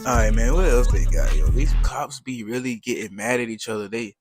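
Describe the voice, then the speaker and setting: Guy reacting to videos, slangy and amused, normal pitch, no room sound. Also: a little fast, dry recording, clean studio sound, faint music behind. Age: adult past early twenties. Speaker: reaction host. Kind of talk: casual reaction commentary.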